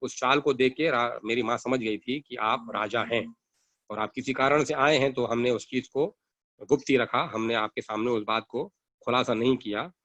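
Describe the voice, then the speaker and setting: A man storyteller voicing a shrewd, calm male merchant who confides secrets in a hushed, assured way. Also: mid-range voice, normal speed, no room sound, natural voice. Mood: confiding.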